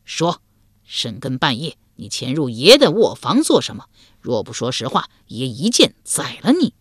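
A woman voicing a quick-tempered young man who bellows at an intruder and sobs in fear when in trouble, in a storytelling recording. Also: medium pitch, wildly swooping pitch, no echo, studio quality, pitched below the performer's own voice. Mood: angry. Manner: shouting, then whimpering and sobbing. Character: hot-tempered timid young husband, man.

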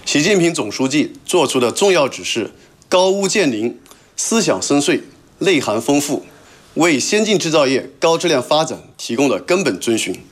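A man's voice: on the high side, sing-song, moderate pace. A man delivering a formal prepared statement as a government official.

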